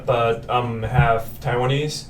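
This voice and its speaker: A man's voice: mid-range voice, fairly even intonation, slow, recorded from a distance. Young man, from Paraguay, Spanish native, casual rambling chat, roomy sound, set back from the mic. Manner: friendly, loose and rambling, many fillers and restarts. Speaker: student guest. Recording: roomy, off-mic with faint noise.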